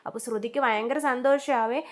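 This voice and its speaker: A woman's voice: a little high, fairly even intonation, a little fast. A woman, casually recapping a TV serial episode in a chatty storytelling way, with frequent "aa" fillers.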